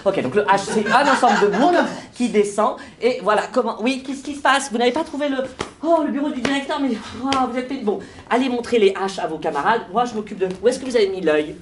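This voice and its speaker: A man's voice: extremely high pitch, quick pace, slight background noise. A man playing a flustered new schoolteacher lady. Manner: flustered, stammering, many hesitations. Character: nervous young female schoolteacher, first day. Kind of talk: stage improvisation. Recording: roomy stage with live audience.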